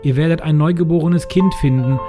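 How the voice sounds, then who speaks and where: A man voicing an angel who delivers good news in a solemn, slow, proclaiming voice, with music behind. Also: on the high side, fairly even intonation, pitched above the performer's own voice, close to an everyday voice. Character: solemn, comforting male angel.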